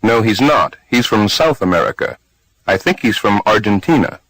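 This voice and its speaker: Male course reader, deep-ish, animated intonation, careful delivery, dry booth. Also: moderate pace, no room sound, rough recording. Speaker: speaker B in language drills. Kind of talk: recorded language-course dialogue.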